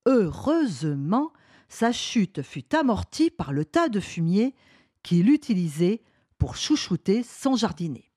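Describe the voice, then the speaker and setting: A woman reads a children's story aloud with expressive, lively intonation. She takes her time, and the recording sounds dry and close. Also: mid-range voice, no room sound. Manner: expressive, unhurried. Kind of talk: storybook narration.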